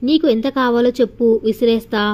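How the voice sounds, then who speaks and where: A woman's voice: fairly high pitch, steady tone, a little fast, darkish tone, natural voice. A woman voicing an arrogant rich young woman who bullies and threatens a junior student, in a taunting, sneering manner.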